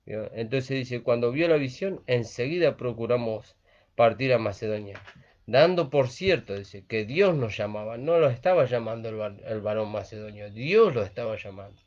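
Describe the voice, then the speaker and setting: A man's voice: mid-range voice, lively intonation, normal speed, hardly any pauses, a little mellow. A man preaching a sermon, earnest and repetitive, often asking "¿vio?". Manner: earnest, repeats phrases with frequent "¿vio?". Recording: dull lo-fi recording.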